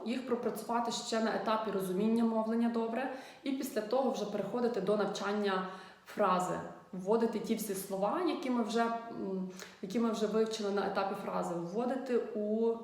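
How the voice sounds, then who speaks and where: A young woman, a speech therapist, gives parents a calm explanatory video lesson, pausing often with fillers and acting out simple example instructions. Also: mid-range voice. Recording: very echoey room.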